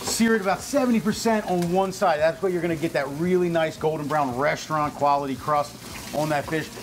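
An upbeat man in his thirties hosts a cooking segment, his voice sitting a little high and full of eager praise. He speaks on a lapel mic in a restaurant kitchen, with loud frying sizzle and kitchen clatter behind him. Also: fairly quick, a little hiss or hum, rough recording. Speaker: cooking show host. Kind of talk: enthusiastic cooking chat.

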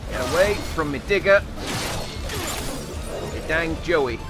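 Over loud music, a man with a slightly high voice speaks slowly in character as a blustering survival expert whose fake Australian accent keeps drifting. His improvised, comic game commentary takes the form of hesitant, rambling pseudo-lessons in a mock-instructive mood.

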